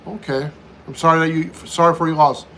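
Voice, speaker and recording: A man's voice: on the high side, steady tone, a little fast, pushed and bright, a little hiss or hum, low-quality recording. An American man in his fifties chatting casually on a live stream, answering viewer questions one after another and often repeating himself. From United States. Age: 50s. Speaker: livestream host.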